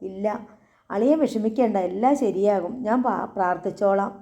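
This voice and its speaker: A woman's voice: medium pitch, normal speed, warm tone, natural voice. A woman voicing an anxious middle-aged man who speaks in a hesitant, pleading way. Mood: worried. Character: anxious middle-aged man, the in-law taking his leave.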